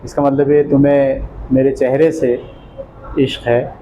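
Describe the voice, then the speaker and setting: A man's voice: mid-range voice, little pitch movement, warm tone, a little hiss or hum, low-quality recording. A man giving a classroom lecture, explaining words one by one and often checking that his listeners follow. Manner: explains terms step by step, checks for understanding.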